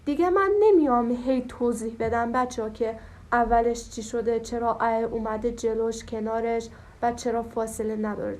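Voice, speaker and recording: A young woman with a slightly high voice teaching a language lesson. She explains each step patiently and stretches out syllables as she repeats them for practice. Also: darkish tone.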